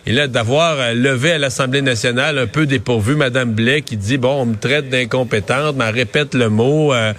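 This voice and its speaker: A middle-aged man with a Québécois accent, co-hosting and commenting on politics in a casual, quick way, with many fillers. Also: mid-range voice, fairly bright tone. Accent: Québécois French. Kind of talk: news panel commentary.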